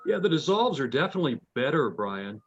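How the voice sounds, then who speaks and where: Man on low-sample-rate video call audio. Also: very animated, fairly quick, slightly rough. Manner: frank, plain-spoken critique. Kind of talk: casual group feedback on a video call. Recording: dull low-fidelity video call audio, faint music.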